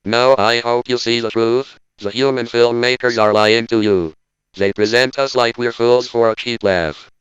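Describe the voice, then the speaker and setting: A man playing an indignant robot spokesman who delivers a stiff, deadpan lecture in a smooth, resonant voice. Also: mid-range voice, normal speed, no room sound, muffled recording, natural voice. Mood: stern. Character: indignant male robot spokesman, cold and logical. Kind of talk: scripted parody monologue.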